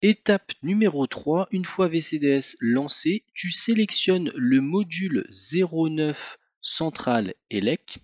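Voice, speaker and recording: Man calmly explaining car coding steps. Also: on the high side, takes it slowly, hardly any pauses, no echo. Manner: calm, methodical, addresses viewer informally. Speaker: car tutorial host. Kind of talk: step-by-step instructional voice-over.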